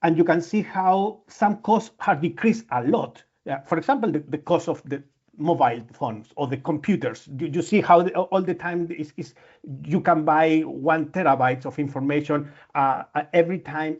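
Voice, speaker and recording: In dull, lo-fi audio, a man who is both a doctor and an imaging researcher lectures with slides, his native language Spanish. He sounds earnest, frequently restarting and repeating himself, in a slightly high, somewhat mellow voice at normal speed.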